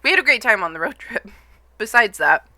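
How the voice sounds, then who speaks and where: A woman's voice: a little high, animated, a little fast, bright, forceful tone, dry recording. A young woman streaming live, casually telling a long story to her chat, rambling with lots of fillers and frequent laughs.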